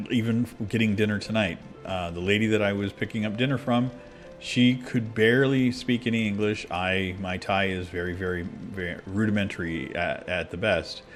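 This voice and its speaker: This is a man's lowish, slightly bright voice as he plays a video game at his computer overseas. A gaming creator, he talks casually and openly, wandering off topic and often stopping to restart his sentences or fill gaps.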